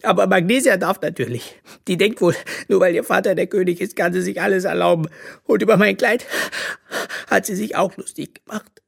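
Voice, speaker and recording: A woman's voice: medium pitch, very animated, moderate pace, vocal fry, a little mellow, slightly rough, pitched above the performer's own voice, full character voice. A woman voicing a poor little girl who is easily hurt and talks in a pleading, tearful way, in a children's storybook reading. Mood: pleading, upset.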